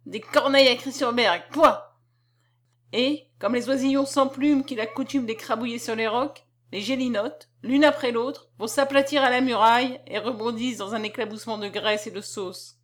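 A woman narrating a classic novel aloud in a dramatic, expressive storytelling manner. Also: a little high, normal speed, few pauses. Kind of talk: literary reading.

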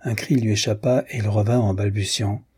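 A man reading a novel aloud as narrator, steady and measured. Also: lowish voice, slightly rough. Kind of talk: audiobook reading.

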